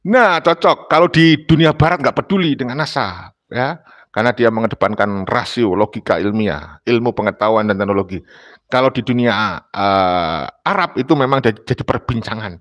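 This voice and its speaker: A man's voice: medium pitch, normal speed, a bit bright. A man from Indonesia speaking emphatically in a panel discussion, lecturing and repeating his points. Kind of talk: discussion talk.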